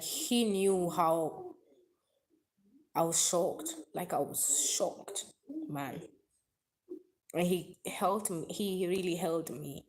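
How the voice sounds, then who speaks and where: A woman's voice: lowish voice, a little mellow. A woman chatting openly and emotionally on a live stream, answering viewers' comments. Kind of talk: casual confessional live chat.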